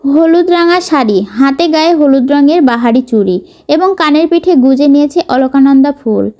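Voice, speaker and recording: A woman narrating a romance novel in a steady, expressive reading. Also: sits high, moderate pace, muffled recording. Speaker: storyteller.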